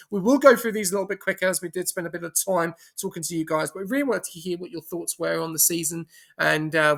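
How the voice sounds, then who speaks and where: A man, hosting an informal awards show in a halting, hesitant way. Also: high-pitched, pushed and bright. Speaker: awards show host and race commentator. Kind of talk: casual online awards presenting.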